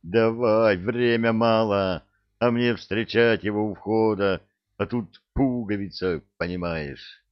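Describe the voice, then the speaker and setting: A man voicing a gruff, foul-mouthed middle-aged army general who shouts and curses at his son. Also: fairly low pitch, fairly even intonation, slow, dry recording. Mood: flustered. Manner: shouting, cursing, blustering. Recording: dull dry recording.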